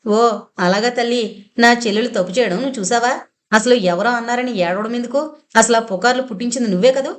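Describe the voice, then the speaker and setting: A fiery young woman snaps and scolds with biting sarcasm, as a woman reads her in an audio novel. Her lines come quick and cutting, full of contempt for the people she faces. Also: a little high, pitched above the performer's own voice, lightly acted. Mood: angry. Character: fiery young woman Vijaya, quick-tempered elder sister.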